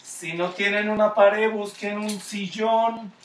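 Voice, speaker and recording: Colombian guy coaching kids skating, high voice, slow and encouraging, echoey room from far off. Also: fairly even intonation, slight background noise. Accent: Colombian Spanish. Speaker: skating instructor. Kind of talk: online kids' class.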